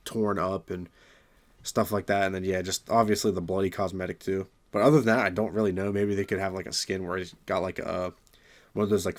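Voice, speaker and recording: A young man who makes gaming videos rambles through casual solo commentary about games. His low voice is raspy because he's recovering from an illness, and his speech is full of fillers and restarts.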